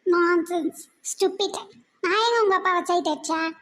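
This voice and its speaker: A woman voicing a cheeky, sharp-tongued little girl in a cartoon, teasing and calling names. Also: very high-pitched, fairly even intonation, slow, soft background music, exaggerated voice. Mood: bratty. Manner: bratty, teasing, name-calling. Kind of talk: cartoon voice acting.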